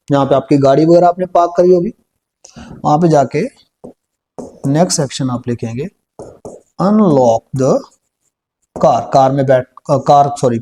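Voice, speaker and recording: A man teaches spoken English step by step in a Punjabi accent. His voice sits a little high but sounds warm and mellow. He talks slowly and repeats each phrase as he writes it out. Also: slight background noise. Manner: slow, repeats phrases while writing on a board.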